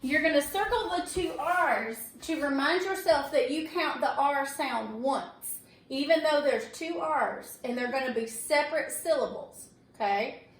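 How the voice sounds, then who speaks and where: A woman teaching a reading lesson to young students, speaking slowly and patiently and checking in often with "okay?". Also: sits high. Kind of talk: recorded tutorial for young students. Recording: echoey room, distant from the mic, faint hiss.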